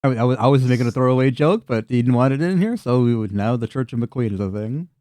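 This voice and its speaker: A man hosts a tabletop roleplaying game in a casual, chatty way. His voice is dark and relaxed at a middling pitch, with a dry, close sound. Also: fast talker, no echo. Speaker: game master and host.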